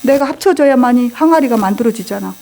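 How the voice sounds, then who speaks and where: A woman's voice: a little high, animated, quick pace, gravelly, warm tone, a little hiss or hum, low-quality recording. A middle-aged woman, a church deaconess, telling her religious testimony to a congregation in an earnest storytelling manner. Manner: earnest storytelling, acting out her own and God's words.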